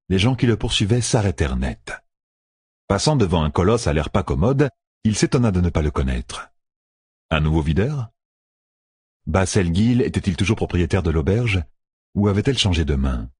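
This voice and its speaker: A man narrating a fantasy audiobook in an expressive, storytelling manner, close to the mic. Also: deep voice, moderate pace, long pauses, husky, no echo.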